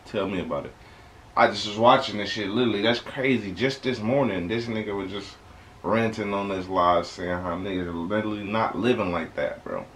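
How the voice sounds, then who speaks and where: Young American male reaction host, lowish pitch, slangy and conversational, emphatic repeats, noisy home webcam sound. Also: fairly quick, fairly bright tone. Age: young adult. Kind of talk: casual reaction commentary. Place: small bedroom indoors. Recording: clear background noise, home webcam recording.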